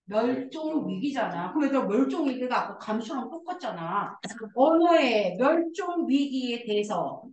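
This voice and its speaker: A woman teaching a high school English class, explaining a passage and coaxing her students with constant questions. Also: expressive, moderate pace, a little mellow, reverberant, distant mic, highs cut off, slight background noise. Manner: coaxing, asks students questions and answers herself.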